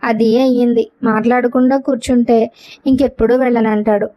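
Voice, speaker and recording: A woman voicing a sharp-tongued, exasperated young housewife in a storybook reading, with a complaining, sarcastic manner. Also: on the high side, level tone, normal speed, close to an everyday voice. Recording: dull lo-fi recording.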